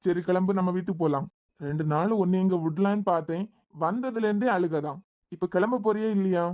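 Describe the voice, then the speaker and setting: A woman's voice: lowish voice, fairly quick, darkish tone, natural voice. A woman voicing a caring young husband in a cartoon, talking in a soothing, questioning way with a Kanyakumari Tamil accent. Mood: concerned. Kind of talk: cartoon voice acting.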